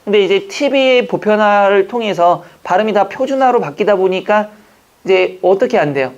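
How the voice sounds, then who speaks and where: A man from Jeju Island teaching an exam-prep language class, chatting, joking and quizzing his students with quick questions. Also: high-pitched, lively intonation. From Jeju Island, Korea. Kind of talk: classroom lecture. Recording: dull lo-fi lecture recording.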